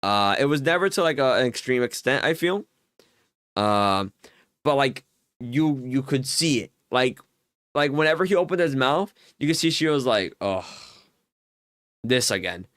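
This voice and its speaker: While playing Minecraft on stream, a young man rambles through a long casual story, filler-heavy and laughing with exasperation. His voice is mid-range, animated, smooth, and fairly bright, at a moderate pace. The audio is dry and studio-clean.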